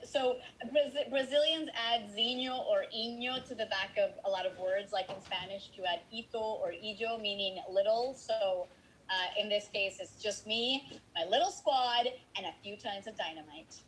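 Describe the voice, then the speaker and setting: A woman from Colombia, a voice actress chatting casually in an interview, playful and animated. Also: mid-range voice, normal speed, slight background noise, poor audio. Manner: playful, animated, quotes lines in character voices. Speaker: voice actress guest.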